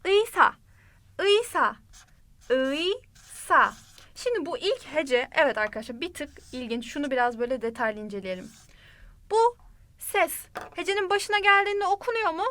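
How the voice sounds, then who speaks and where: Woman teacher w a high bright voice, friendly, says each word slow and clear a few times, dry close sound. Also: big pitch swings, no echo. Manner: repeats words slowly and clearly for learners; friendly, addresses the learner directly. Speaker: language teacher. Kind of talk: online language lesson.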